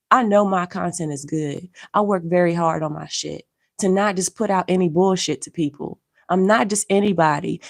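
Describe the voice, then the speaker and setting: A woman's voice: medium pitch, creaky, dry recording, studio quality. A woman who is losing her voice and feeling unwell speaks on a home livestream, scolding her viewers bluntly and with profanity while keeping her voice down. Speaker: social media artist and streamer. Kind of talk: live-stream rant to viewers.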